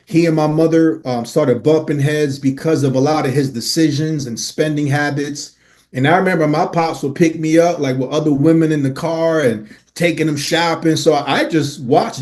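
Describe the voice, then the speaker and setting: A man's voice: a little high, a little mellow. A man in his forties from Miami, a podcast guest telling his life story earnestly, with casual slang and many "uh"s and "right?"s. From Miami, Florida. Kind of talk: storytelling in an interview.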